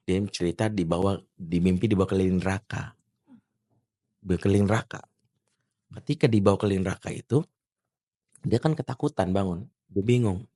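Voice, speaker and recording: A middle-aged man, a preacher, giving a lively talk on parenting and quoting Arabic verses. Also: brisk, long pauses. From Indonesia. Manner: animated, swings to high emphatic pitch, quotes Arabic verses. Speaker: Islamic preacher, podcast guest. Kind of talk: casual religious talk on parenting.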